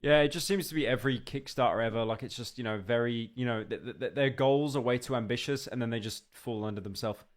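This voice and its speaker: A young man reacting on a live stream, rambling with stammered restarts and sudden excited outbursts. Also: mid-range voice, fast, few pauses.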